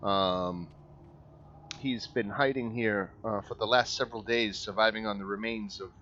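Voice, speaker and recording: Low-voiced male game master, slightly muffled. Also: fairly even intonation, moderate pace, a bit bright. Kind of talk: narrating a tabletop game. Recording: slightly muffled, faint room noise.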